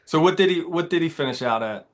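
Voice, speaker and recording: Laid-back male host, casual, slightly higher voice. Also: fast. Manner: relaxed, says "man" and "dude". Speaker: podcast host. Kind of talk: casual conversation.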